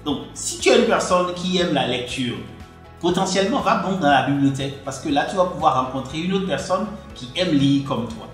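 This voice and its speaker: A man from Benin coaches the listener on relationships in a direct-to-camera talk, speaking at a normal speed. He's animated and earnest, addressing the listener directly with emphatic jumps in pitch. The room is very echoey, with faint music in the background.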